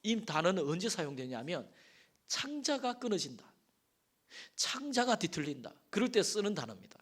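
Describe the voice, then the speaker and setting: A male pastor delivers a sermon from the pulpit, his somewhat high voice climbing and swelling for emphasis. He questions the congregation and slips into folksy storytelling. The recording comes from a church sanctuary. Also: sing-song, moderate pace, fairly bright tone. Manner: folksy storytelling with asides and affirming "yes".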